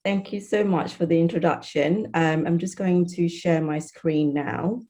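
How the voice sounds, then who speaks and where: A Malaysian surgeon and researcher in her thirties gives an online presentation over a video call as a guest speaker. Tired after a night shift, she talks in a friendly way with frequent ums, her lowish, steady voice unhurried and a little mellow.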